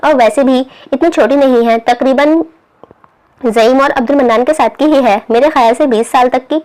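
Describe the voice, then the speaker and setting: A woman's voice: sits high, normal speed, a little mellow, natural voice. A woman voicing a stiff, irritable young man. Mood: irritated. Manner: irritable, complaining.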